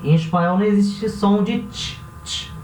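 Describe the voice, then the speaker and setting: A man teaching a language class who talks patiently and repeats each word slowly, often checking in with his students. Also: high voice, darkish tone, recorded from a distance. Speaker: Spanish teacher. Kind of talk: classroom lesson. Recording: roomy, dull sound from off mic with faint hiss.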